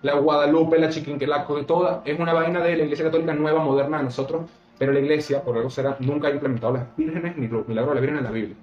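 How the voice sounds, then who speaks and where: A man's voice: on the high side, fairly even intonation, rapid-fire. A man hosting a casual podcast, talking bluntly and emphatically and swearing freely. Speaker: podcast host. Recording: roomy, slightly dull, faint music.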